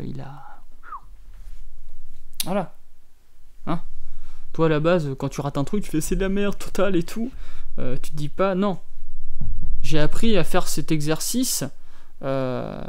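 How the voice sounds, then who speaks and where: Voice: mid-range voice, a little mellow. A speaker giving a casual drawing tutorial voice-over, rambling and self-mocking with many hesitations and playful mock TV-host asides.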